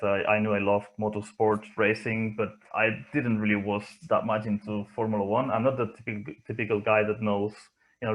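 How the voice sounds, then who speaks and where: Low-voiced man with a Spanish accent. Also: poor audio. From Barcelona area, Spain. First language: not English, from Spain. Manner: hesitant, thoughtful, pausing often. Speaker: interview guest, motorsport engineer. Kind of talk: reflective interview answers.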